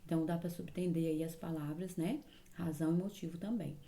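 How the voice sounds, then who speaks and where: A woman's voice: fairly low pitch, steady tone, fairly quick, dark tone. A woman teacher giving a grammar lesson, explaining patiently and often checking in with her students. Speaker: Portuguese teacher. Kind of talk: recorded online grammar lesson.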